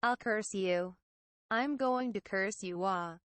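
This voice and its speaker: A woman voicing a dead man's voicemail message that flatly threatens a curse. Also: mid-range voice, takes it slowly, heavy background noise, natural voice. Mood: menacing.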